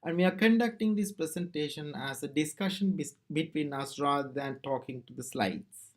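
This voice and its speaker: A man from Sri Lanka presenting a recorded conference talk, speaking in a measured way with frequent pauses and fillers. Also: fairly high pitch.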